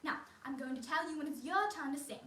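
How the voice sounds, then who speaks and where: A children's entertainer in costume voices a cheerful, prim nanny, a young adult who urges invisible kids on in a sing-song. She talks fast, with a high, slightly bright voice and lively intonation. Light background noise accompanies the roomy, distant-mic sound.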